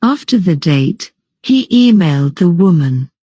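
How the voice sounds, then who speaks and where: A woman storyteller reading a simple story for English learners at a very slow, steady pace. Her pitch rises and falls widely, her voice is mellow and a touch breathy, and the sound is dry and close. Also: no echo. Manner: slow, simple, clearly paced sentences. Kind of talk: slow scripted story narration.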